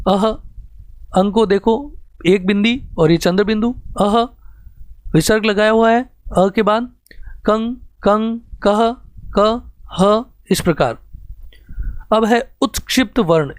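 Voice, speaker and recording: A man with a fairly high voice teaches an exam-prep grammar lesson. He explains step by step and reads out examples one at a time. The recording is dry and close, with no room echo.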